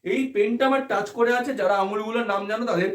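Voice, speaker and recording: Bengali-accented guy teaching philosophy, high animated voice, echoey room. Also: quick pace. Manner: explanatory, asks rhetorical check questions. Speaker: philosophy tutor. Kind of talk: exam-prep lecture.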